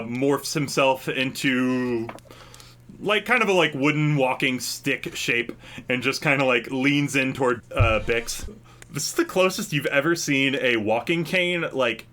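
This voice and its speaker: Bright-voiced man running a tabletop game. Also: mid-range voice. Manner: rambling, full of fillers and laughs. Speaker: game master.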